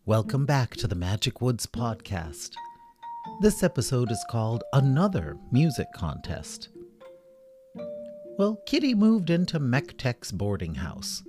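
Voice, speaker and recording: Man, podcast host, children's story narration, playful, very lively pitch, music underneath. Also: a little slow.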